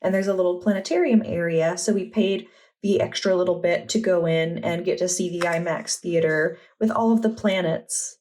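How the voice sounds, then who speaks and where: A young adult woman vlogger chatting in a relaxed, enthusiastic way as she walks through her journal. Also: lowish voice, normal speed. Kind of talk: casual vlog narration.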